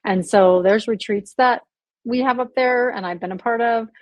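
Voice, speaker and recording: A woman's voice: fairly high pitch, normal speed, dry recording. A woman guest on a podcast, telling personal stories with enthusiasm. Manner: enthusiastic, gasps and laughs while telling stories. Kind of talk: casual interview storytelling.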